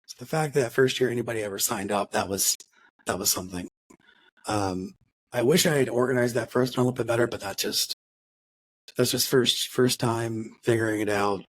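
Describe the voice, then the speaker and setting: A man's voice: medium pitch, brisk, fairly bright tone, low-quality recording. A man co-hosting a car podcast, chatting casually and rambling, with frequent restarts and acted-out quotes. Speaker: podcast co-host. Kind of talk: casual chat.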